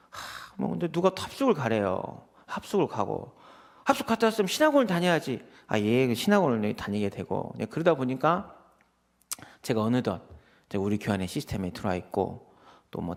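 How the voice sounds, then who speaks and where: Speaking quickly and casually, this male pastor preaches a sermon built around his own anecdotes. He brings quoted exchanges to life by voicing both parties, his pitch ranging widely, while his voice frequently drops to a gravelly creak.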